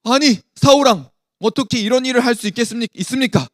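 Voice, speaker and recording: A man voicing an angry old male prophet scolding a king in a loud, rebuking tone. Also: sing-song, measured pace, dry recording, clean studio sound. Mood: angry rebuke. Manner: loud, rebuking, raised pitch.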